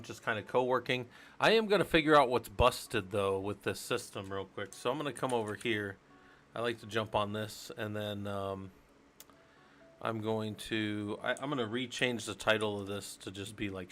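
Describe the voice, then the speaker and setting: A man's voice: fairly low pitch, a bit bright. A man hosting a casual live stream, chatting loosely and thinking aloud while he works on a computer. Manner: loose and rambling, thinks aloud, many fillers. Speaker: livestream host.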